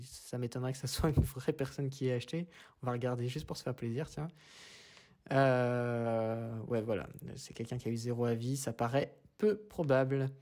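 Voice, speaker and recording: A man's voice: medium pitch, a little mellow. A man with a French accent, hosting a casual screen-share tutorial and talking through each step in a chatty way. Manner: chatty, walks through steps with "hop" and "voilà". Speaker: YouTube host.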